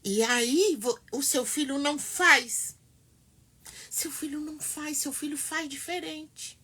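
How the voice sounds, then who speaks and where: A middle-aged woman giving earnest, emphatic advice to mothers, with dramatic pauses. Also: high-pitched, pushed and bright. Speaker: family counselor speaking to mothers. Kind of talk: heartfelt advice talk to camera.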